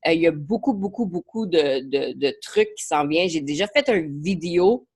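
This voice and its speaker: Her deep, darkish voice has a breathy edge and lively intonation at a normal speed. A marketing coach whose first language is English, she speaks with an English Canadian accent while leading a live online training, chatting in French mixed with English words and frequently hesitating and repeating words.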